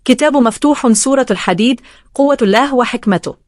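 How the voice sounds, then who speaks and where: A woman narrating a children's story in a steady, gentle way. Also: on the high side, fast, dry recording, clean studio sound.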